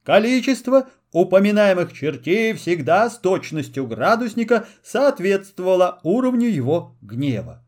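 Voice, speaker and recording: A man narrating a children's fairy tale in an expressive storytelling manner. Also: high-pitched, unhurried, few pauses. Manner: lively, storytelling.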